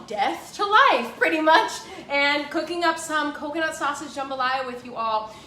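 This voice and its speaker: Bright, high-voiced exuberant woman host. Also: roomy sound, slight background noise. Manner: exuberant, chatty, addresses viewers as y'all. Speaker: cooking show host. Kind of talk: live cooking class chat. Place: home kitchen.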